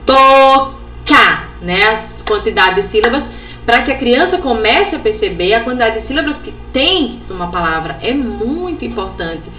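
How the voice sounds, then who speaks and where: A woman from Brazil, an educational psychologist giving a workshop, sounding out letters and syllables slowly and ending phrases with tag questions. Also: a little high, big pitch swings, a bit bright. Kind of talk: instructional workshop talk. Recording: echoey room with faint background noise.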